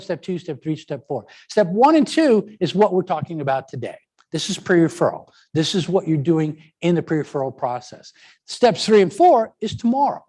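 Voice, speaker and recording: A middle-aged man delivers a professional training talk with a lively, wide-ranging pitch. He keeps it conversational and drops in sarcastic asides. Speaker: presenter.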